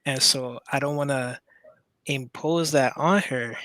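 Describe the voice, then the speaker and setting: A man from Maryland calling in to tell a personal story, halting and full of restarts. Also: mid-range voice, a bit bright, no echo. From Maryland, USA. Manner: hesitant, halting, many restarts. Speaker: caller.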